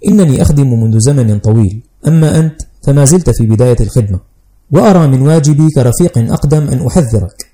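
A man's voice: mid-range voice, animated, fast talker, dark tone, close to an everyday voice. A man voicing a fussy, fearful older male schoolteacher who lectures anxiously and primly, in an audiobook reading. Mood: nervous lecturing.

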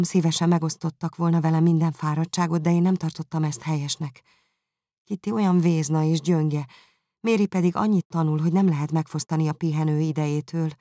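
A narrator voicing Jane, a gentle and anxious young woman, speaking in a soft measured way in an audiobook. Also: medium pitch, dry recording, clean studio sound, natural voice.

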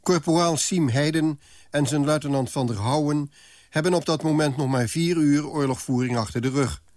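A man giving scripted documentary narration in a measured, factual way. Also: mid-range voice, darkish tone, no echo.

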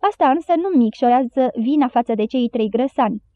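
A woman's voice: fairly high pitch, no echo, natural voice. A woman voicing a fretful old doctor. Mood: excited. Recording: dry, tinny phone-like sound.

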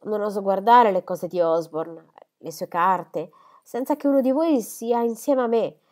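A woman's voice: medium pitch, unhurried, darkish tone, natural voice. A woman voicing a grieving elderly country squire who is proud and impulsive, speaking with emotional outbursts. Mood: urgent. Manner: emotional, outbursts of grief and anger.

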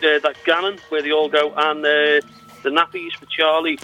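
A man's voice: on the high side, flat delivery, normal speed, dull audio, soft background music. A man calling in to a podcast, hesitant and full of fillers. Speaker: caller. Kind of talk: call-in chat.

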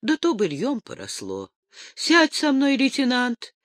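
A woman voicing a humbled, sly old prince, who speaks in a low, quiet, resigned way. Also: wildly swooping pitch, a little slow, no room sound, clean studio sound, heavily acted. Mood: meek, sly. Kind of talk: audiobook reading.

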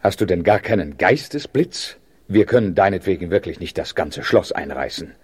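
A patient, world-weary king in a radio play, with a deep, slightly husky voice recorded close and dry. He speaks calmly, like someone used to soothing complaints. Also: normal speed, no echo. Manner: calm and patient, soothing a fretful companion.

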